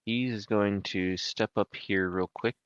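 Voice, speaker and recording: A man with a very deep voice runs a tabletop game over an online call, hesitating with frequent ums. He narrates the fights with joking sports-commentator flair, and the sound is close and dry. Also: fairly even intonation, slow pace, smooth, no room sound, muffled recording. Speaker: game master.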